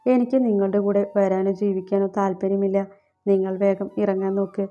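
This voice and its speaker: A woman's voice: mid-range voice, flat delivery, fairly quick, warm tone, lo-fi sound, natural voice. A woman reading the lines of a hurt, defiant young heroine in a romantic audiobook. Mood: bitter.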